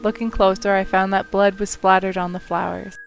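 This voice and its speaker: A woman's voice: mid-range voice, level tone, fairly quick, creaky, soft background music. A young woman streaming a story game, reading the narration aloud and adding casual, wry asides.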